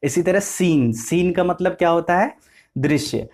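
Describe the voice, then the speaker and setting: A man with a slightly raised voice teaches basic English. He goes slowly and repeats himself, spelling each word out letter by letter before he explains it. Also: sits high, darkish tone. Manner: slow and repetitive, spelling words out letter by letter. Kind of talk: explanatory lesson.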